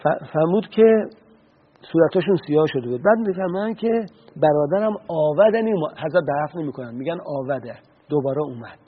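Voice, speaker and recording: Husky man on tinny radio. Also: a little high, lively intonation. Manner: earnest storytelling, quoting and explaining Arabic sayings. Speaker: religious speaker. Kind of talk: radio religious talk. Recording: tinny phone-like radio sound.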